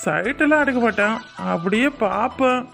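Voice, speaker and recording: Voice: medium pitch, lively intonation, brisk, vocal fry, fairly bright tone, soft background music. A voice actor playing a boastful, playful young husband in a cartoon, bragging and joking with his wife. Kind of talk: cartoon voice acting.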